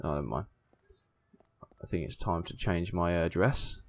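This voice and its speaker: A man hosting a gaming video, giving casual, excitable, mildly sweary commentary as he plays with a friend. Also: low voice, moderate pace.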